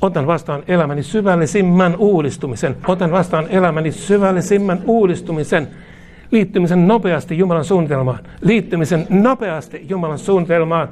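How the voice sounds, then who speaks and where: Male preacher, fairly high voice, fervent, leads call-and-repeat prayer. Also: a little mellow. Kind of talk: charismatic prayer leading.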